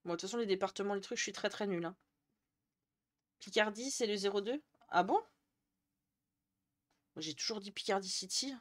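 A woman's voice: mid-range voice, a little fast, long pauses. A young woman from the Jura chatting casually on a live stream, answering viewers' messages and laughing often. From Jura, France. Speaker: Twitch streamer.

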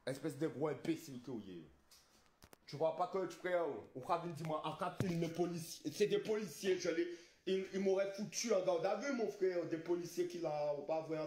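A man's voice: on the high side, darkish tone, echoey room, a little hiss or hum. A man streaming live, ranting in a rambling, insulting way with garbled phrasing. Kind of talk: street livestream rant.

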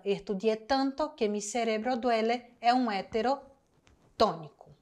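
A woman teaching a recorded class, explaining step by step, repeating the answers and speaking straight to her students. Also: fairly high pitch. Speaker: Spanish teacher.

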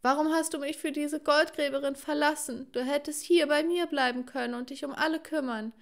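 This is a paranoid middle-aged cartoon mother, shrill and shouting in a frantic, raised voice, acted by a woman. She sits high in pitch and pushes every line loud. The tone is that of an animated story dub. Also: brisk, close to an everyday voice. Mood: tearful.

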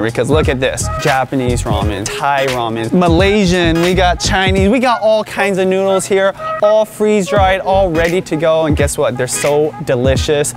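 A man in his thirties hosting an enthusiastic grocery store tour vlog, talking straight to camera on a lapel mic. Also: fairly high pitch. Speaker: vlog host. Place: indoor supermarket aisles, some shots outside.

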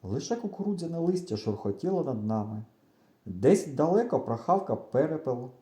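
A man reads a children's adventure aloud, with animated storytelling that swings widely in pitch. His tone is dark and mellow but sits slightly high. The room around him is echoey. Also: normal speed. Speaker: audiobook reader. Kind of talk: expressive audiobook narration.

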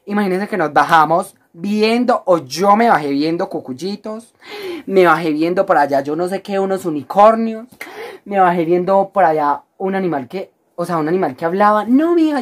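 A woman with a Colombian accent and a low voice tells a story on her vlog. Her delivery is theatrical and full of slang, and she addresses the viewer as a best friend. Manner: dramatic, exaggerated, slangy, chatty to the viewer as a friend. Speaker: vlogger.

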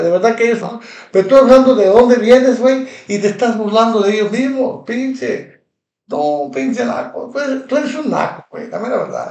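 A man's voice: sits high, a little mellow. A man with a Mexican Spanish accent hosting a live stream, reading viewer comments aloud and rambling in heated, repetitive insults. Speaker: livestream host. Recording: roomy echo, distant from mic.

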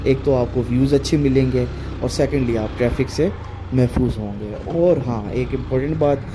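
A man with a Pakistani Urdu accent narrating a travel vlog voice-over in a relaxed, guiding way. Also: mid-range voice, noisy background. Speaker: vlogger narrating trip.

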